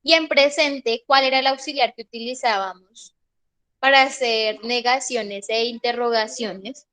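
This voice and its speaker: A woman's voice: a little high, steady tone, measured pace, fairly bright tone. A young woman teaching an online English class, patiently checking in with her students. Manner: patient, checks in with "¿listo?" often.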